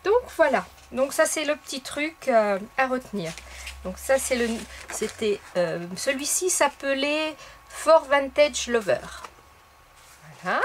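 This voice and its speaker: Chatty woman crafter, higher voice. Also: lively intonation, a little slow, a little hiss or hum. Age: adult. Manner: chatty, explains step by step with soft fillers. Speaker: craft video host. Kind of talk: casual crafting tutorial.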